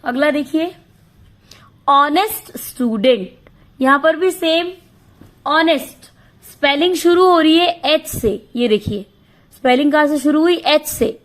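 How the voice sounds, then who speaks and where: High-voiced, unhurried woman teaching grammar. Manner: asks questions and answers them herself, repeats key words; reads English rules slowly, word by word. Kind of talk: classroom grammar lesson.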